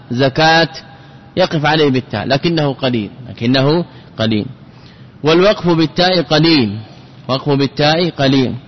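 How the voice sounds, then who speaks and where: A man teaching a classical Arabic grammar lesson, repeating each point and asking his students rhetorical questions. His voice sits somewhat high for a man. The recording is dull and lo-fi, with a long reverb that suggests a large hall.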